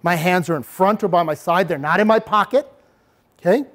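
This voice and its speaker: A man presenting a bully prevention workshop to parents and children, animated and acting out examples as he goes. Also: high-pitched, fairly quick. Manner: animated, acts out examples with sudden voice changes. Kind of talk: interactive workshop talk to parents and kids.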